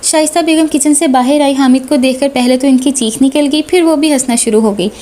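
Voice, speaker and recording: High-voiced woman reading a novel. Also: fairly quick, dark tone. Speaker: narrator. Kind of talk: novel read aloud.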